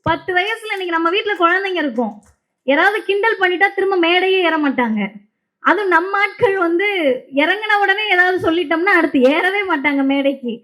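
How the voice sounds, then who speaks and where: A woman's voice: extremely high pitch, animated, fairly quick, fairly bright tone, poor audio. A woman giving an impassioned, emphatic stage speech to a crowd, repeating key lines. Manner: impassioned, emphatic oratory with repetitions. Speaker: public speaker.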